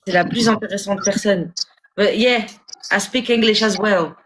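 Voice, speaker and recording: A woman hosting a casual live stream, talking quickly and switching between French and English. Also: mid-range voice, breathy edge. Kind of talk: casual chat. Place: lives in England.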